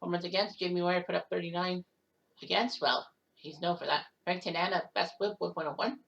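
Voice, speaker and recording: A woman hosting a casual recap of a simulated baseball season, reading off league leaders with quick asides and self-corrections. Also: fairly low pitch, fairly even intonation, gravelly, a bit bright, lo-fi sound. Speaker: host. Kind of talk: casual game stats recap.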